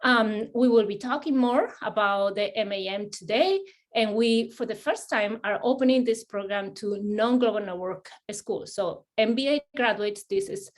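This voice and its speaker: Presenting an admissions webinar, a Spanish-accented, middle-aged woman from Spain speaks in a friendly manner at a moderate pace, using lots of fillers and restarting often. Her pitch is fairly high.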